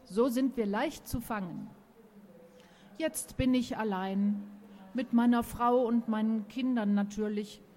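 A woman's voice: a little high, takes it slowly, dark tone. A woman voicing a fretful male dodo bird in a children's storybook reading; he frets and repeats himself. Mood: anxious.

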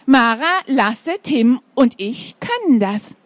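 An eager young schoolboy from a storybook, voiced by a woman reading aloud, earnest and determined. The delivery is slow and unhurried, with a dry, close sound. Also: a little high, sing-song, dry recording.

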